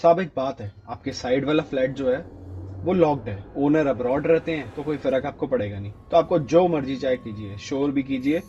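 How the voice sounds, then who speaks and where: A man's voice: mid-range voice, normal speed, dark tone, slight background noise, natural voice. A man doing a breezy property broker. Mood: casual, persuasive. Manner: casual, coaxing salesman patter. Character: smooth-talking male property broker. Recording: dull lo-fi with faint music.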